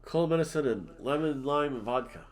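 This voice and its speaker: A New Jersey man co-hosts a podcast while drinking, rambling and cracking jokes in casual chat. His medium-pitched voice is lively in intonation and fairly quick, with a nasal, sniffly quality from allergies.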